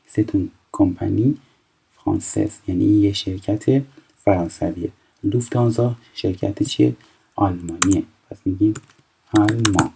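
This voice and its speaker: A man in his twenties from Iran teaching a recorded French lesson, explaining step by step and reading French phrases slowly before translating them. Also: on the low side, gravelly, mellow, husky, low-quality recording. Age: 20s.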